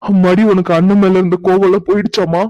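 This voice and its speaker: A man's voice: sits high, little pitch movement, fast, mellow, dry recording, muffled recording, natural voice. A man voicing several middle-aged brothers in a cartoon, pleading and emotional as they ask their sister for forgiveness. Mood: tearful. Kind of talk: cartoon voice acting.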